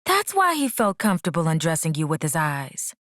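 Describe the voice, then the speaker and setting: A woman's voice: low voice, huge pitch swings, brisk, a bit bright, no echo, studio quality, exaggerated voice. A woman voicing a nosy young female cousin in an audiobook, with playful, sly teasing. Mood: bawdy.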